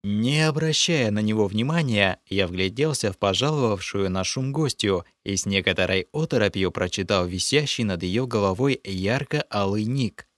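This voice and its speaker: A man narrating an audiobook in the first person, with steady storytelling. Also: on the low side, moderate pace, hardly any pauses, no echo, studio quality.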